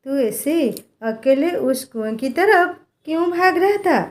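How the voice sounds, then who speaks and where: A woman's voice: high-pitched, lively intonation, takes it slowly. A woman doing a strict, worried village mother. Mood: stern. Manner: scolding, warning. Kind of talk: storybook character voice.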